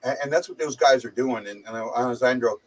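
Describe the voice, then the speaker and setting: A man of middle pitch talks loosely through a muffled, speakerphone-like sound, as if the mic sits some way off. He has a slight head cold. He rambles and often repeats himself as he hosts a casual chat. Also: brisk, far from the mic. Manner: rambling, hesitant, stumbling repeats. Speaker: livestream host.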